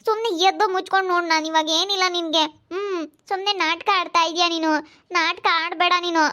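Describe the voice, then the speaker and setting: A woman's voice: very high-pitched, fairly even intonation, quick pace, pushed and bright. A woman voicing a young village woman who nags and scolds in a Hiriyur Kannada accent. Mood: scolding. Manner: nagging, scolding, complaining.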